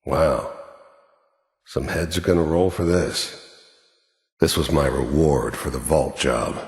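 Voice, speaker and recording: A rumbling low, heavily acted male voice with an American accent brings a cold, menacing, world-weary mercenary to life in video game monologue and dialogue. The delivery is gruff, terse, sardonic and matter-of-fact, portraying a hardened, cynical middle-aged man, and the sound echoes like a hall.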